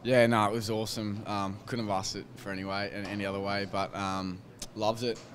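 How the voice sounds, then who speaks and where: Standing by a sponsor wall in the team rooms, a young adult Australian man answers post-match questions as a footballer, hesitantly and with many fillers and restarts. He speaks fairly quickly on the low side in a level tone, into an interviewer's handheld microphone, as the crowd is heard behind.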